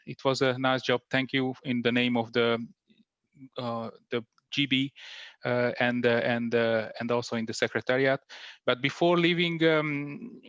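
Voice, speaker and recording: A man with a delivery closing an online conference as host, halting with many fillers and restarts. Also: medium pitch, a bit bright, clean tone, no echo, muffled recording. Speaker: event host.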